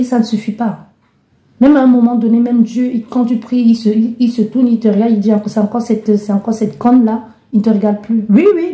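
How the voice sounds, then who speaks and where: A woman's voice: a little high, dark tone. Impassioned woman reading tarot cards, echoey room. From Belgium. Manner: impassioned, addresses the listener directly, many restarts. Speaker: tarot card reader. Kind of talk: spoken card-reading guidance.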